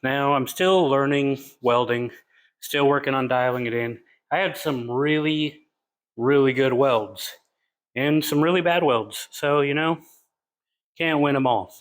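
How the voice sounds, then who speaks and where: A man's voice: medium pitch, unhurried. A man hosting his own car-building vlog, talking casually and with self-deprecating humor while out of breath in his garage workshop. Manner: relaxed, self-deprecating, rambling with fillers. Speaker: channel host, hobby fabricator.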